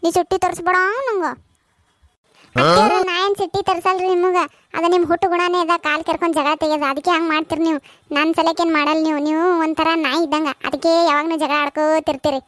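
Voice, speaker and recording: Woman voicing a shrill, squabbling village housewife. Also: fast talker, a bit bright, dry recording. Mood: bickering. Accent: North Karnataka Kannada. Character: fiery young village housewife with high blood pressure. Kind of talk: comic cartoon voice acting.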